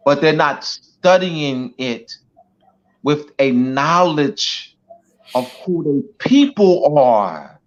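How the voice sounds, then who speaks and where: A man giving a slow, deliberate teaching talk as a guest speaker, leaning on repetition and frequent "you know"s to press each point. His voice sits fairly high for a man. The audio is muffled and lo-fi. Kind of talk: teaching talk on an online show. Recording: dull lo-fi audio.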